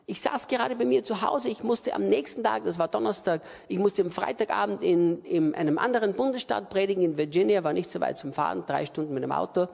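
A middle-aged Austrian man preaches in a rather high, husky voice with a gravelly edge. He talks emphatically and repeats key phrases. His sermon rings out in a reverberant hall.

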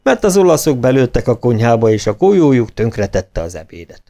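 A man voicing an anxious male servant in a storybook, speaking high and excited. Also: gravelly. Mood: alarmed.

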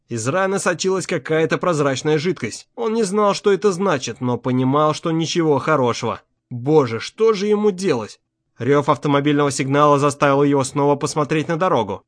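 A man reading an audiobook chapter aloud in a steady, tense narration, close to the microphone. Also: medium pitch, no room sound. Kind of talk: scripted narration.

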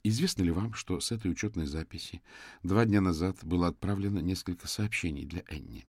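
A man voicing a composed female police detective who asks questions coolly and deliberately. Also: low-pitched, darkish tone, no room sound, studio quality. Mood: cold. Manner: cool, clipped, deliberate questioning.

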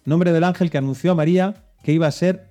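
A man's voice: on the high side, fairly even intonation, quick pace, warm tone, soft background music. A man hosting a children's religious quiz show, reading out clues and coaxing the contestants with hints. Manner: reads clues then coaxes and hints. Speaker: quiz host.

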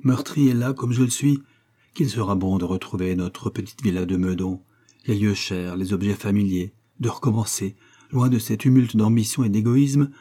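Man voicing a young idealist, impassioned, low dark voice, slightly husky, audiobook. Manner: impassioned outbursts.

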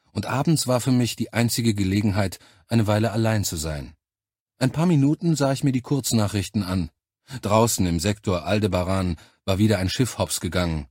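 A man reading a science fiction novel aloud in calm, measured first-person narration. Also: lowish voice, breathy edge, dry recording, studio quality. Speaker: audiobook narrator.

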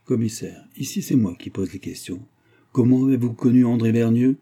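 A man's voice: mid-range voice, moderate pace, warm tone, breathy edge, close to an everyday voice. A man reading the part of a stiff young gendarmerie officer who questions in curt, formal phrases.

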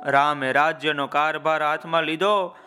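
A man's voice: on the high side, fairly even intonation, moderate pace, pushed and bright, smooth, soft background music. A man narrating a children's story, calling out to his listeners with folksy asides.

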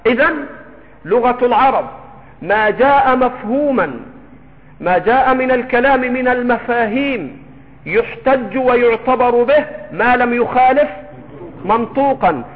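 A man with an Egyptian accent teaches a classical creed text as a sheikh, in a fairly high voice. He moves slowly and emphatically, asking and answering his own questions. It comes through a narrow, phone-like recording with long hall reverb. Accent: Egyptian Arabic. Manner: slow, emphatic explanation with rhetorical questions. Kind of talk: lesson explaining a classical text. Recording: echoey hall over a tinny phone-like line.

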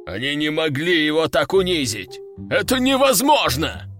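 A man's voice: fairly high pitch, very animated, moderate pace, a bit bright, soft background music. A man voicing a furious, domineering male demon prefect who bellows orders. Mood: enraged. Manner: bellowing, imperious.

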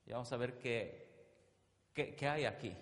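A man's voice: mid-range voice, a little slow, a bit bright. A man giving an emphatic sermon-style presentation to a congregation, asking rhetorical questions. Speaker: youth ministry presenter. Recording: long hall reverb.

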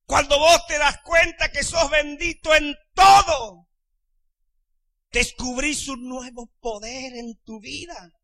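A man with a Rioplatense Spanish accent, a pastor preaching a sermon in a church. He swings from hushed lines to shouting and keeps calling on the congregation to answer. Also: extremely high pitch, fairly even intonation, takes it slowly, no room sound. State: sweating and losing his voice.

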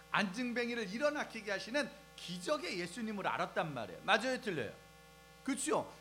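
A man preaching a lively sermon to young people, asking the crowd questions and acting out scenes as he goes. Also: extremely high pitch, poor audio. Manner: animated, asks the crowd questions and acts out scenes. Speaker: preacher at a youth service. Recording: faint music and mains hum behind.

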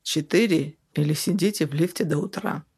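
A woman voicing a sly drunk male lift dispatcher who drawls slowly and slurs his words. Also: low voice, a little mellow, breathy edge. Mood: smug. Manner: slow, slurred, sly.

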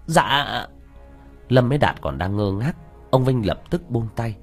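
A man's voice: mid-range voice, lively intonation, moderate pace, darkish tone. A man narrating a horror story for an audiobook in a dramatic storytelling manner. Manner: dramatic storytelling, vivid swings in voice. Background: faint background music.

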